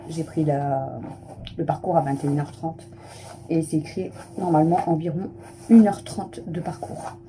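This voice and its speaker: A woman's voice: sits low, steady tone, moderate pace, warm tone, slight background noise. A woman in her thirties, a family vlogger chatting casually to camera at home, rambling with lots of fillers. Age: 30s. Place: at home, just out of the shower.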